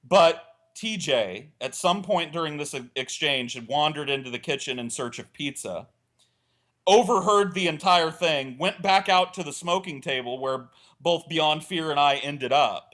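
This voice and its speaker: Unhurried and fairly high in pitch, a man tells a crude, meandering funny story on a laid-back podcast. He performs what each person said, keeping the telling animated.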